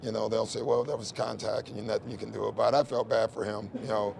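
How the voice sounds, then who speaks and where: A man's voice: lowish voice, level tone, quick pace, creaky, darkish tone, slight background noise. A man who coaches a team, answering reporters at a postgame press conference in a candid, conversational way, often saying "you know" and "listen". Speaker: head coach.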